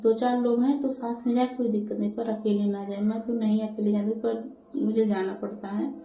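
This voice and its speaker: A woman's voice: on the high side, little pitch movement, normal speed, warm tone, a little hiss or hum. A woman vlogger telling a story in a casual, chatty way, repeating herself and acting out what others said. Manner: chatty, repetitive, acts out the driver's lines. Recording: echoey room.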